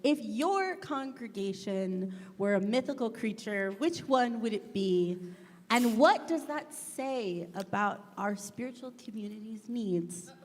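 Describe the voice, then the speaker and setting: A woman's voice: fairly high pitch, expressive, unhurried. A woman acting as event host, playfully announcing rounds and reading out questions. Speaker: host of a hot wings question challenge. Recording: echoey hall, noticeable room noise.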